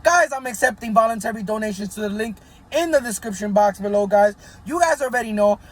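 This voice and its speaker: A man hosting a casual commentary vlog, speaking straight to his viewers in a conspiratorial tone. His voice is husky and sits high. It swings up and down animatedly as he keeps asking for agreement. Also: lively intonation, fairly quick. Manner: conspiratorial, keeps asking "right?" and hedging "allegedly". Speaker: channel host.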